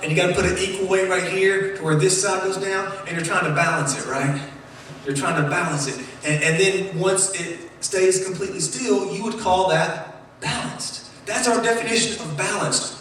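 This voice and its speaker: A man preaching a sermon in a church, playful and animated, joking with the congregation as he talks. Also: high-pitched, a little hiss or hum. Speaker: pastor. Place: church sanctuary. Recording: roomy echoing church hall, mic at a distance.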